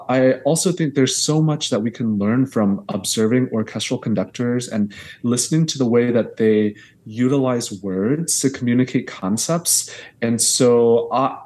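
This is a man in his thirties from the Houston area of Texas, with a mid-range, darkish voice. A guest choral conductor, he talks earnestly and reflectively in a podcast interview, restarting long sentences, over a video call on earbuds from a small bedroom.

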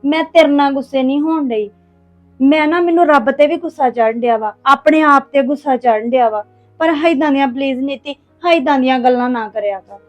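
A woman's voice: sits high, a little fast, soft background music, lightly acted. A woman playing a hurt young woman who pleads. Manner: earnest, pleading. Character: young woman from a poor home, hurt by gossip. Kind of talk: amateur family web drama.

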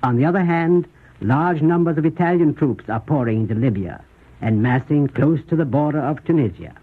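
A man giving scripted 1930s radio news commentary in a measured, formal, rhetorical manner, with a husky voice. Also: on the high side, animated. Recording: muffled, tinny 1930s radio recording.

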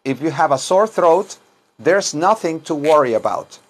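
Unhurried and expressive, with a slightly high voice, a middle-aged English teacher and self-styled chaplain leads an informal lesson in Spanish and English. He repeats phrases and dictates them word by word, indoors in a small wood-paneled room.

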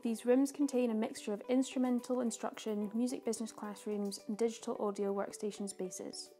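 Calm, higher-pitched young woman guiding a tour. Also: fairly quick. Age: young adult. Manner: calm, clear, informative guide delivery. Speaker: campus tour guide. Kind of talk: scripted guided-tour narration. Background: background music.

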